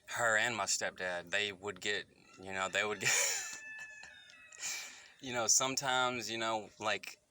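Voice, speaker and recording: A man's voice: lowish voice, fairly even intonation, pushed and bright, a little hiss or hum. A man in his thirties telling a candid personal story to his phone, rambling and correcting himself as he goes. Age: 30s. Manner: rambling, halting and self-correcting. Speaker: vlogger. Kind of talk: candid personal confession to camera.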